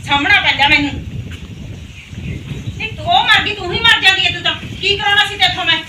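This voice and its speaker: A woman's voice: very high-pitched, brisk, a little hiss or hum, full character voice. An actress playing a harsh, nagging middle-aged stepmother in a village family drama, scolding and defensive. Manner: scolding, sharp-tongued, defensive. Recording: roomy, distant mic.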